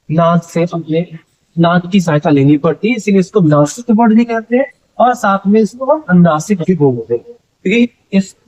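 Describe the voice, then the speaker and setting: Guy teaching exam prep, high voice, asks a question then answers it himself, kinda muffled lo-fi sound. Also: warm tone. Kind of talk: exam-prep grammar lesson. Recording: dull lo-fi audio.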